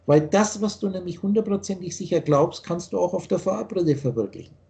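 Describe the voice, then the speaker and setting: High-voiced older man lecturing. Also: expressive, brisk, creaky, dark tone. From Austria. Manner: rambling, insistent, with frequent restarts. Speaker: spiritual teacher. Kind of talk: lecturing monologue on a call. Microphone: video call.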